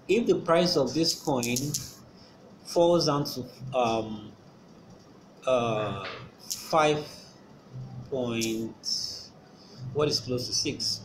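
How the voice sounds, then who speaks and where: A man at a middle pitch walks through a casual screen-recorded tutorial, pausing often with fillers and restarting his sentences. Clear background noise hangs under his voice throughout. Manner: hesitant, with many fillers and restarts. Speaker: channel host explaining trading. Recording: noisy background ambience.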